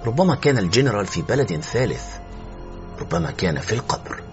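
A man narrating a suspense story as an audiobook, expressive and tense, in a slightly muffled recording with faint music. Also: fairly low pitch, a little fast.

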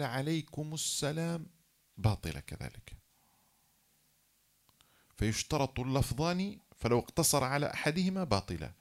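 Male lecturer, slightly high voice, explains rules step by step, acts out examples. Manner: explains rules point by point, repeating key phrases; acts out example phrases, then drops low to rule them invalid. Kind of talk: classroom lecture.

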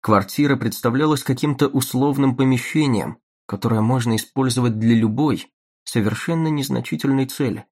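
Man reading a novel, measured tone. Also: mid-range voice, a little mellow, breathy edge. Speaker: audiobook narrator. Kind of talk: scripted narration.

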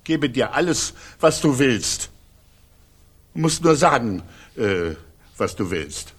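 Radio play: a sardonic, short-tempered husband, husky voice, pitch rising and falling widely. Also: male voice, very animated, slow pace, heavily acted. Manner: dry sarcasm turning to pleading. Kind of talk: 1990 radio play acting.

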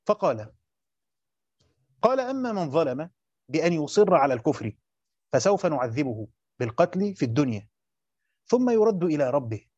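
Warm and husky, this man's voice sits on the high side as he explains a Quranic commentary lesson in an Egyptian accent. He goes step by step, repeats phrases, and tests his students, captured in a muffled, dry lo-fi recording.

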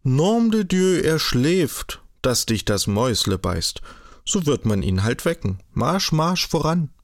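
A man voicing a brisk, mocking older society lady in an audiobook, bossy and insistent, with a French exclamation now and then. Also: fairly high pitch, big pitch swings, no room sound, studio quality, voice pushed up, full character voice. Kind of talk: audiobook character voice.

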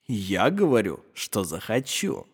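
A reader voicing a mocking, sinister male villain in a slow, gloating way, in an audiobook. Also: mid-range voice, very animated, husky, long reverb tail, voice pushed down, heavily acted.

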